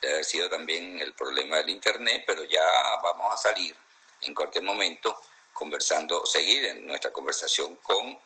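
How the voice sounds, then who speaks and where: A male interview host with a very low, husky, raspy voice that still has a sharp, bright edge. He mostly offers short agreeing replies and fills in while he waits. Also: normal speed, poor audio. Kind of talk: hosting an interview.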